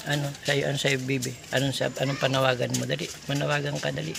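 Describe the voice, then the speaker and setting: A man's voice: medium pitch, level tone, fast talker, gravelly, noisy background. A man filming a casual vlog, coaxing children to speak with short repeated prompts. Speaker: vlogger visiting a needy family.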